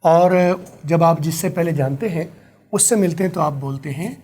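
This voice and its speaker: Man teaching English, husky voice. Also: fairly high pitch, normal speed, darkish tone. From Pakistan. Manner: explains patiently, repeats phrases for drilling; writes on a board while explaining. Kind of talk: online English lesson.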